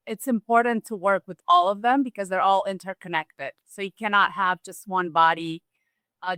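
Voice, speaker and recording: A woman from Romania talking as a guest in a relaxed, thoughtful interview, with restarts and small laughs. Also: on the low side, smooth, dry recording. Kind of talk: casual conversational interview.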